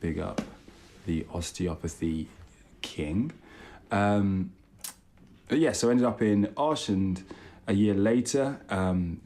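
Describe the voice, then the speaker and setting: A young British man with a low, slightly mellow voice co-hosts a podcast and tells his own story in a chatty, casual, self-deprecating way. Born in London, he grew up partly in Italy and partly in England.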